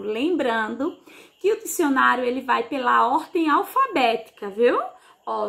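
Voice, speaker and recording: This primary school teacher is a woman whose high-pitched, bright voice has a creaky edge. Leading a televised remote class for children, she speaks in slow, sing-song teacher talk full of diminutives.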